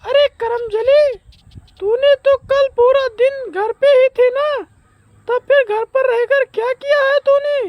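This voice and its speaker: Brief: shrill, harsh older mother-in-law from a comedy skit, played by a woman, drawn-out bossy delivery. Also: fairly even intonation, highs cut off. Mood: scolding.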